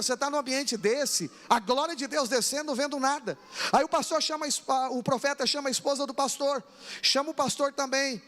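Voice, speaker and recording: A man with a Brazilian Portuguese accent, a pastor telling stories in an animated, jokey Pentecostal revival sermon. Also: very high-pitched. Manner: animated storytelling, jokey asides, exclamatory. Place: large church hall. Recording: reverberant church hall.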